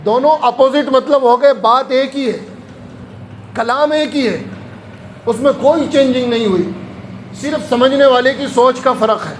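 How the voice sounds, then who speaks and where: A man's voice: very high voice, long pauses. A male Islamic preacher giving a storytelling lecture, acting out the voices of the people in his anecdotes. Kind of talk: sermon-style storytelling lecture. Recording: echoey room with faint ambient noise.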